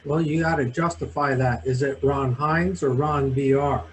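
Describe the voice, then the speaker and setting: A man's voice: mid-range voice, steady tone, normal speed, rough recording. A man hosting a casual video call, joking and teasing the other participants. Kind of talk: casual chat.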